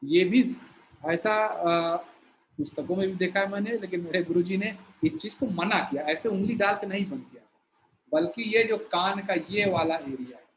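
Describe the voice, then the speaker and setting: A man teaching a yoga breathing exercise, explaining slowly while he shows each step. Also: high-pitched, slight background noise, low-quality recording. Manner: slow, explanatory, shows movements while talking.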